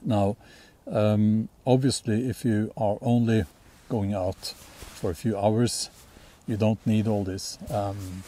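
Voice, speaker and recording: A Norwegian man with a Norwegian accent, hosting a casual bushcraft gear talk outdoors in a forest, relaxed and rambling with many ums and restarts. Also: on the low side. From Norway. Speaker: bushcraft channel host. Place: outdoors in a sunny forest clearing.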